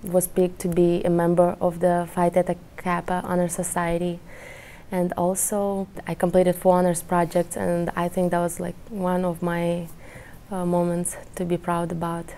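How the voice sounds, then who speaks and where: Woman student from Kazakhstan, low, mellow, flat delivery, careful phrasing. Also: normal speed. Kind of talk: interview testimonial.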